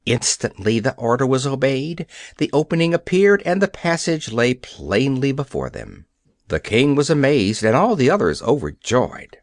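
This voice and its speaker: A man narrating an audiobook with expressive storytelling, recorded on a close studio mic. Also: mid-range voice, normal speed, no room sound. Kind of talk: scripted narration.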